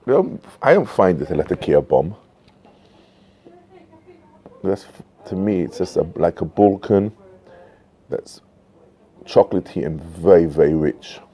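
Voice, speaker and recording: A man in his fifties chatting casually to camera outdoors, in an unhurried, musing manner with frequent pauses. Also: low voice, lively intonation, mellow, slightly rough. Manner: unhurried, musing, pausing often. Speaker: pipe tobacco reviewer. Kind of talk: casual vlog chat. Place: covered porch outdoors at night. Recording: noisy home-made outdoor recording.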